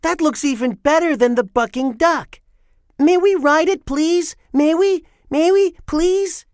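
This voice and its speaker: Woman as a little boy bear cub, high childlike voice, whiny, pleading, drawn-out words, storybook. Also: darkish tone, no room sound, clean studio sound. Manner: whining, begging.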